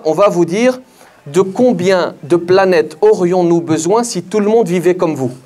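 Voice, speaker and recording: Fairly high-voiced man giving a lecture. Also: a little mellow. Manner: addresses the audience directly, repeats key phrases for emphasis; measured, with frequent hesitations and restarts. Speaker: religious lecturer. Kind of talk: conference lecture to an audience.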